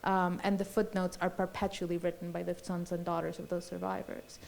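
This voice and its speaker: A woman's voice: lowish voice, level tone, a little fast, vocal fry, darkish tone. Reflective Colombian-born woman panelist. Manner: reflective, lyrical, many fillers and restarts. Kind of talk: festival panel discussion.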